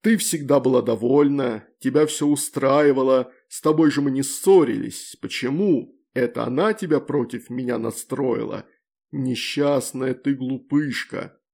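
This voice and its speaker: A jilted demon lord from an audiobook, proud and drunk, dragging out his words and swinging between pleading and shouting, as a male narrator plays him. The voice has a gravelly, creaky edge. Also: mid-range voice. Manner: slow, loud, accusing and pleading.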